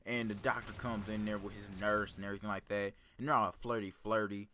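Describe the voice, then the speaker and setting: A young man telling a personal story in a casual, rambling way, with a calm, laid-back, serious delivery. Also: fairly low pitch, brisk, slight background noise.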